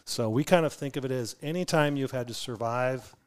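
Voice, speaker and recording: Male brewery founder, mid-pitched, explanatory, storytelling guest. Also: brisk, smooth. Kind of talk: casual podcast interview.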